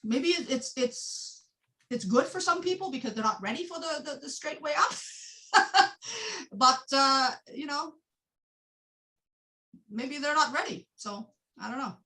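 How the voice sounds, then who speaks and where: A woman's voice: high-pitched, unhurried, pauses often, rough recording. A woman teaching a meditation class, explaining with frequent laughs and many restarts. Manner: animated, laughs often, repeats and restarts.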